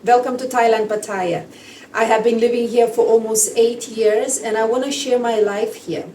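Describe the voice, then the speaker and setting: A woman's voice: on the high side, steady tone, normal speed, warm tone, far from the mic, slight background noise, rough recording. A woman in her forties from Lithuania, with a Lithuanian accent, chatting casually in a vlog in slightly broken English. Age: 40s. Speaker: vlogger.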